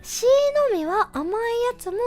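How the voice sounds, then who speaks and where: Very high-pitched cutesy young woman streamer. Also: moderate pace, over loud music. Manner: cutesy, refers to self in third person; animated, giggly. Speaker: livestream host chatting with viewers. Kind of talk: casual livestream chat, reading out comments.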